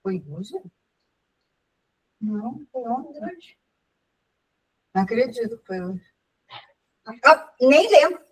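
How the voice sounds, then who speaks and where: A woman, older, telling a lively personal story in casual chat, laughing often and acting out what people said. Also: on the high side, takes it slowly, long pauses. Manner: animated, laughing, acts out dialogue. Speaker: group member sharing a story. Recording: voice from far off the mic.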